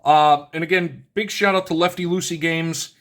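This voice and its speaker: Male host, slightly high pitch, relaxed chatty card-game commentary. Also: moderate pace. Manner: thinks aloud while reading rules, with many restarts and asides. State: has the hiccups. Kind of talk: casual unboxing commentary.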